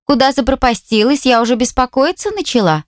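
Reading an audiobook, a woman voices a coquettish, spiteful young woman taunting someone over the phone, pitching above her own voice into a high, animated register. The delivery is fairly quick, mocking and venomous, sugary and spiteful, with clean studio sound and no room tone.

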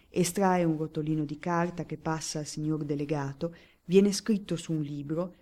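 Give me a woman narrating an audiobook with a low, mellow voice. She reads in a measured, expressive way, and her tone stays warm and unhurried from one passage to the next.

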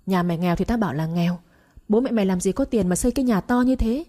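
A woman voicing a sharp-tongued, mocking middle-aged sister-in-law in a read-aloud story. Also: medium pitch, lightly acted. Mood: defiant. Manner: mocking, scolding, quick jabs.

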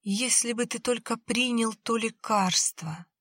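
A woman's voice: fairly high pitch, unhurried, fairly bright tone, dry recording, pitched above the performer's own voice, full character voice. A woman voicing a dying young woman who speaks weakly and bitterly in a half whisper. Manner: weak, breathy, half-whispered.

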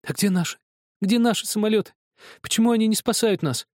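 A man voicing a distraught young village boy in an audiobook, with shrill, sobbing shouts. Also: a little fast, no room sound, studio quality, natural voice. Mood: frightened. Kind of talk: audiobook character voice.

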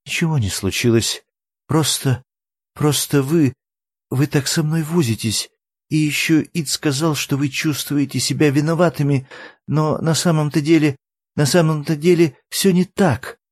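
A man's voice: steady tone, a little slow, no echo, studio quality. A man reading an audiobook, voicing a tearful young woman who pleads and blames herself. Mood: pleading. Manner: high, pleading, breaking into sobs.

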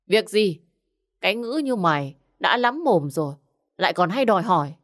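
A woman's voice: mid-range voice, very animated, normal speed, close to an everyday voice. A woman voicing a rude, stingy middle-aged village man who scolds curtly. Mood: scolding. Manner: scornful, scolding, curt.

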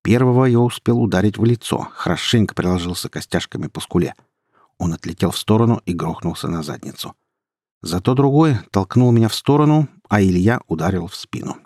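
A young man narrating a first-person story in a measured, low-key way. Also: animated, darkish tone, no echo, studio quality. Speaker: audiobook narrator.

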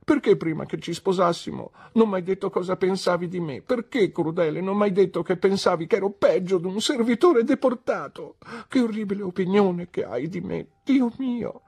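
Una donna che legge la voce di una giovane moglie offesa, in lacrime, che rimprovera con tono acuto e supplichevole. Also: female voice, expressive, normal speed, darkish tone, slightly rough. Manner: shrill, reproachful pleading. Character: young wife, wounded and tearful. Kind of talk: audiobook reading.

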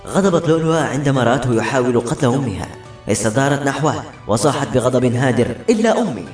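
A man narrating a fantasy novel as an audiobook in brisk, dramatic storytelling. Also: medium pitch, darkish tone. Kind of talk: scripted narration. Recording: roomy echo, faint music behind.

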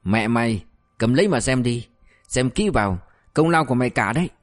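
A man's voice: medium pitch, expressive, a little fast, faint music behind, natural voice. A man voicing a ruthless male police officer who berates a suspect with harsh, relentless abuse. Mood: furious.

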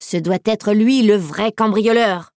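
A woman's voice: mid-range voice, slow, a little mellow, no echo, studio quality, lightly acted. A woman voicing a bold young male puppy who acts as the leader of the pack, in an eager, commanding manner.

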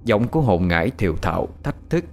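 A man narrating a ghost story in a measured, dramatic way. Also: lowish voice, big pitch swings, darkish tone, soft background music.

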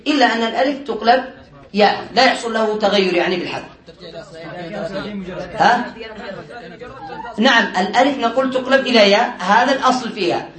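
A man's voice: high-pitched, fairly bright tone. A man teaching a classroom lesson, explaining step by step, quizzing his students and often chuckling as he goes. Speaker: teacher of Arabic morphology. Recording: echoey room.

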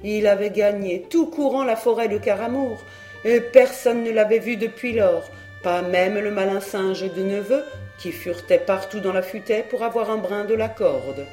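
A woman narrating a classic French tale as an audiobook, reading in an expressive, theatrical manner. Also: medium pitch, normal speed. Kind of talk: storybook narration. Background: soft instrumental music.

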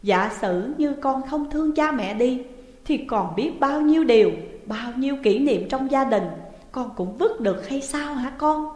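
A proud, wounded middle-aged mother speaks loud and high, as a woman reader acts her out. Her voice rings in an echoey room with long reverb. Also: lively intonation, moderate pace, close to an everyday voice. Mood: coaxing. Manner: loud, scolding then coaxing.

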